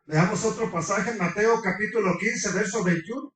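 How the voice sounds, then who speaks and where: A man preaching a fervent sermon, quizzing his congregation and breaking into shouts. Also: sits high, normal speed. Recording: echoey room, far from the mic.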